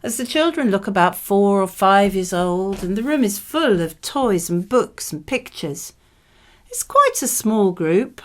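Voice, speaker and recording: A woman who speaks English natively reads model answers for a speaking exam at a medium pitch, in a conversational, measured and explanatory way.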